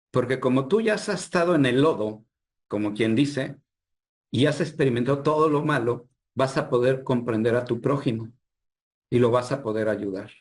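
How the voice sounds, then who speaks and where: A man's voice: medium pitch, a little mellow. A man from Mexico with a Mexican Spanish accent, a healer telling an experience as an interview guest, earnest and re-enacting the dialogue as he goes. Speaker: healer and spiritual guide, guest. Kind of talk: storytelling interview.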